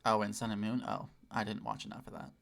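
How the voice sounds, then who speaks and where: A man's voice: lowish voice, animated, creaky. A man in his late twenties chatting casually on a game livestream, putting on a customer service voice, sweary and self-deprecating. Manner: customer service voice, deliberately lifted. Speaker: game streamer. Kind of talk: casual livestream chat while playing.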